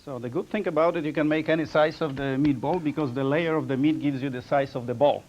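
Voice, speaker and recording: Higher-voiced man haltingly demonstrating a product. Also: a little mellow. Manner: hesitant, halting phrasing with non-native grammar. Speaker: inventor demonstrating his product. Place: TV studio kitchen set. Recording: dull lo-fi TV audio.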